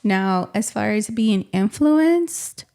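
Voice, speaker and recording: Mellow-voiced woman chatting casually. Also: mid-range voice, slow pace, gravelly. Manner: animated, conversational, often adds "you know what I mean" and "man". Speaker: podcast co-host. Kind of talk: casual chat.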